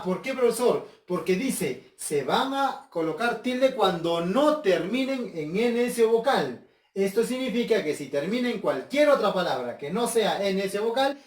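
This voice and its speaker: A male teacher giving a recorded lesson at a whiteboard. He explains step by step, repeats key points and asks rhetorical questions. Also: high voice. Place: room with a whiteboard. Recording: echoey room, distant mic.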